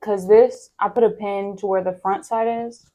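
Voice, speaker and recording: A young woman hosting a casual home sewing tutorial, chatty and quick to interrupt herself. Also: mid-range voice, steady tone, warm tone. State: a little out of breath. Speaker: sewing channel host.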